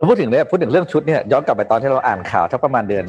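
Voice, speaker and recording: A man's voice: mid-range voice, lively intonation, very fast, a little mellow, husky, highs cut off. A man co-hosting a casual talk show, often murmuring agreement. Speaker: co-host.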